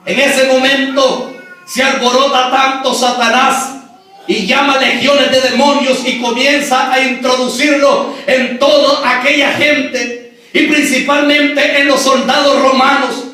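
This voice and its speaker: A man preaching a Sunday sermon to his brothers in faith, fervent, breaking into shouts on key phrases. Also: very high-pitched, flat delivery, unhurried. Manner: addresses the congregation as brothers. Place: large church hall. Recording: echoey church hall from far off.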